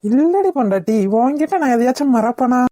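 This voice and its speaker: A woman voicing a tender, grateful young husband in a cartoon, soft and heartfelt, gently teasing. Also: high-pitched, lively intonation, a little fast, no echo. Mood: playful. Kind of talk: cartoon voice acting.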